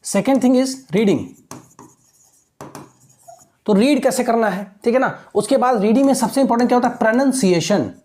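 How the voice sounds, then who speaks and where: A woman teaching an exam-prep lesson. She reads English lines slowly and explains them quickly, often asking rhetorical questions. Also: a little high, warm tone. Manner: asks rhetorical questions, checks in with listeners.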